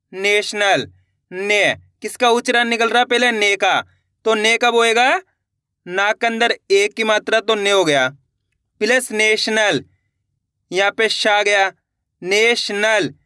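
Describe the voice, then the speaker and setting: A man teaching Hindi spelling step by step, asking questions and answering them himself, and drawing out each word slowly as he sounds it out. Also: high-pitched, bright, forceful tone, clear, resonant tone, dry recording, clean studio sound. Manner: repetitive, asks and answers his own questions; stretches out words slowly when sounding them out.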